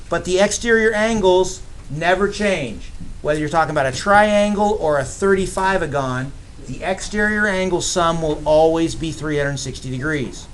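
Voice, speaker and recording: Guy teaching math to a class, kinda high voice, teasing the kids a bit, faint hiss. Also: fairly bright tone. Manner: upbeat, teasing with students. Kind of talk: classroom lecture.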